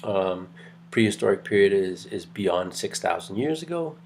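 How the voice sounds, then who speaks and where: A man's voice: sits low, lively intonation, normal speed, a little hiss or hum. A man giving a recorded anthropology lecture from home late at night, keeping his voice down, chatty and rambling, with lots of ums and restarts. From Greece heritage. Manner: rambling, conversational, many fillers and restarts; kept quiet, late at night.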